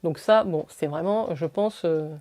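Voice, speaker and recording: Woman, French accent, beauty vlogger, chatty, enthusiastic, halting, warm mellow tone. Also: fairly low pitch. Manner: chatty, enthusiastic, frequent fillers and restarts. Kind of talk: product review vlog.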